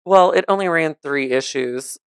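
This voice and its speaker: A woman hosting a casual podcast, chatty and joking, reminiscing with quick asides. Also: sits low, clean tone, dry recording, studio quality. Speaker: podcast host. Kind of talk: casual chat. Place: home.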